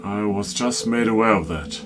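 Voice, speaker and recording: A man hosts a scripted comedic craft video, eagerly asking questions and joking at his own expense in tutorial-style dialogue. Music plays behind his fairly low, fairly bright voice, which moves at a normal speed.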